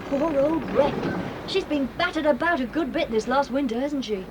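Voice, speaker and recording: A woman's voice: sits high, moderate pace, close to an everyday voice. A woman playing Julian, a sensible boy who leads the other children, earnest and bossy in a 1980s audio drama. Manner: earnest, bossy, takes charge. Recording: hissy old cassette tape.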